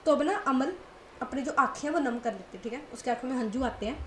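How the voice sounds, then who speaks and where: A woman's voice: high voice, quick pace, reverberant, a little hiss or hum. A woman narrating a romance story in a chatty, conversational way. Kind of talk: casual spoken story narration.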